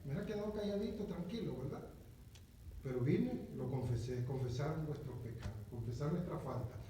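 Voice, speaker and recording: A man's voice: on the high side, animated, fairly quick, warm tone. A man, a pastor giving a conversational sermon who repeats words and keeps asking his listeners "right?". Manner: conversational, repeats words, often asks "¿verdad?". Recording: very echoey, distant, faint noise.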